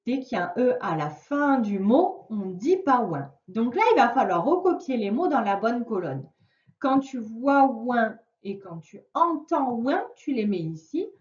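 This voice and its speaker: A woman's voice: fairly high pitch, darkish tone. A woman teacher giving a patient reading lesson to a young child, sounding out words syllable by syllable. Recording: roomy, distant, dull lo-fi sound.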